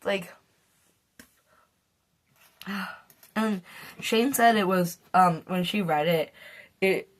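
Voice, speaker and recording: A woman's voice: mid-range voice, extremely slow, pauses often. A middle-aged woman vlogging a casual rant to camera, swearing heatedly and rambling with fillers and restarts. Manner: profane, heated ranting.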